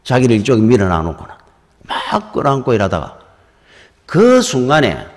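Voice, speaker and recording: A man's voice: mid-range voice, moderate pace. A middle-aged man with a Gyeongsang accent, a pastor telling stories in a conversational sermon in a church. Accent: Gyeongsang Korean. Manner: storytelling, conversational and lively. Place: church sanctuary. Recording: reverberant church hall.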